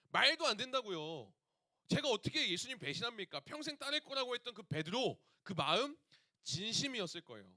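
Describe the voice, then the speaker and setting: A man preaching a sermon to teenagers, lively and questioning the listeners as he goes. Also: sits high, no room sound. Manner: lively, asks the audience questions. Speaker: youth pastor.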